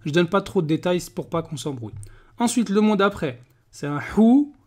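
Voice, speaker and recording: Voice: medium pitch, animated, moderate pace, a little mellow. A teacher giving a step-by-step reading lesson, patiently sounding out syllables and checking in often with the learners. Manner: patient, checks understanding with frequent "ok?"; reads syllable drills one by one.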